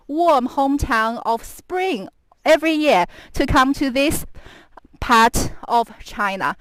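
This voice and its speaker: A woman's voice: high-pitched, no room sound, poor audio. Bubbly woman hosting a snowy outdoor walk. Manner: chatty and giggly, laughing often. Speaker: live stream host and guide on a walk. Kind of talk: casual live-stream chat, switching between English and Mandarin. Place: outdoors on a snowy stretch of the Great Wall, walking. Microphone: handheld camera follows her while she walks.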